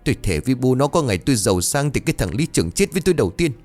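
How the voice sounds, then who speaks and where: A man voicing a poor, enraged young peasant man in a ghost story, spitting out fast angry vows. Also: medium pitch, big pitch swings, darkish tone, soft background music, voice pushed up. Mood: bitter.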